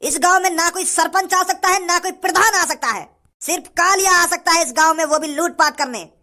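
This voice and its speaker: A bullying male village bandit from a cartoon, threatening and full of brag, with a woman doing the voice. His voice sits very high. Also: a little fast, bright, forceful tone. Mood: menacing. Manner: threatening, bragging. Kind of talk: cartoon voice acting.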